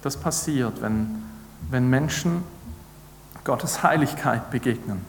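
A man's voice: medium pitch, slow, slight background noise. Man preaching in an echoey hall. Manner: earnest, building to emphatic repeated declarations. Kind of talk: sermon. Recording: echoey hall with long reverb.

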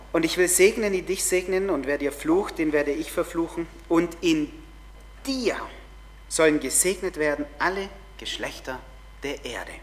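Woman giving a sermon, earnest, leans hard on repeated lines, goes quiet and whispery sometimes. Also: lowish voice. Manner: earnest, repetitive emphasis, drops to a soft whisper at times. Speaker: preacher.

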